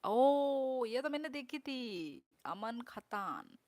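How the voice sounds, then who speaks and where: A woman's voice: a little high, sing-song, drawn-out words, darkish tone. A young woman chatting casually on a live stream, reading comments and repeating words as she works them out.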